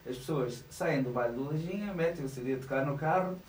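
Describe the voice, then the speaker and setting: A man's voice: a little high, brisk, darkish tone, reverberant, recorded from a distance, rough recording. A man in his thirties with a European Portuguese accent, a singer chatting as a guest in a small radio studio, laughing often and hesitating. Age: 30s. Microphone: studio mic, headphones on.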